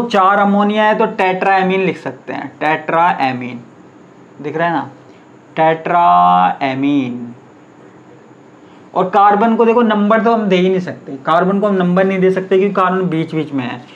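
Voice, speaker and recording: A man's voice: high voice, moderate pace, highs cut off. A man teaching a chemistry lecture, asking the class questions and answering them himself, repeating key terms.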